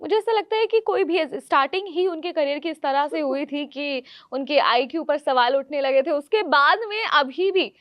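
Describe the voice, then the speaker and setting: A woman's voice: high-pitched, expressive, moderate pace, few pauses, a bit bright, no room sound. A woman co-hosting a casual chat, talking in an opinionated way with frequent fillers. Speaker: co-host.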